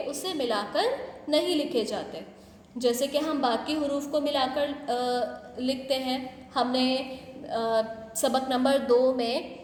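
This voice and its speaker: A woman's voice: high-pitched, echoey room, big-room sound, a little hiss or hum. A woman teacher patiently explaining letters to young children, repeating and spelling them out. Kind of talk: children's alphabet lesson.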